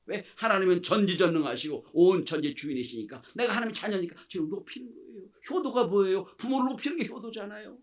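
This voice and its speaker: Male pastor, middle-aged, fairly high-pitched, impassioned sermon, loud peaks and hushed drops. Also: expressive, fast talker, few pauses.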